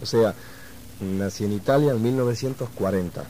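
A man from Uruguay, a guest musician answering interview questions in a reflective, measured way. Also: fairly low pitch, dark tone, slight background noise, rough recording.

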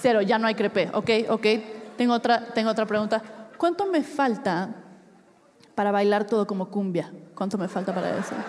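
A woman's voice: medium pitch, a little mellow, in a large hall, slight background noise. A woman in her thirties with a Mexican accent performing a live stand-up routine on stage, chatty and swearing casually as she laughs at her own jokes. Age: 30s. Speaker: stand-up comedian. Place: comedy stage before a live audience.

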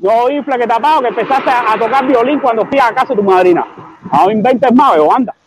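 A man's voice: extremely high pitch, brisk, background noise. A man with a Cuban accent arguing heatedly on a live stream, repeating his points and talking over the others.

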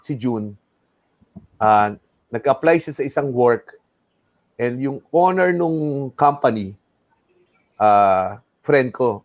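In a dry recording, a medium-pitched middle-aged man shares an animated story as an interview guest. He re-enacts what people said and mixes Tagalog with English.

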